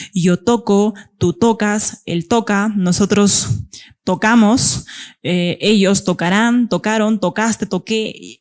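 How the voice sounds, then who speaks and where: A woman teacher giving a classroom grammar lesson, explaining step by step and often checking that the students follow. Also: medium pitch.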